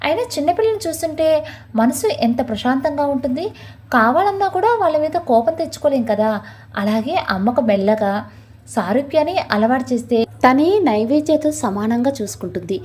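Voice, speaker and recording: A woman's voice: sits high, expressive, moderate pace, darkish tone. A woman voicing a protective young husband. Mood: soothing. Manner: pleading, soothing. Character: gentle husband, soft-spoken, protective of wife.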